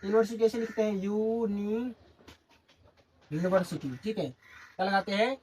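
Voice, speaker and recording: A man's voice: high-pitched, normal speed, darkish tone, a little hiss or hum. Male tutor, call-and-response classroom delivery. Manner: constantly asks and answers his own questions. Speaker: English grammar teacher. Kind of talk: classroom lesson in Hindi.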